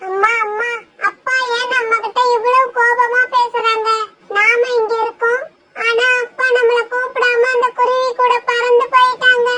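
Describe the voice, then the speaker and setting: A woman's voice: extremely high pitch, little pitch movement, unhurried, background noise. A woman voicing a small girl sparrow who pleads with her mother in a tearful, confused way in a cartoon. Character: little girl sparrow, young daughter. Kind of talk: cartoon voice acting.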